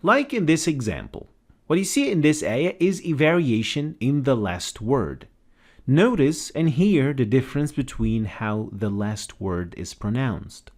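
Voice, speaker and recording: Male narrator, lively pitch, calm explainer read. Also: measured pace.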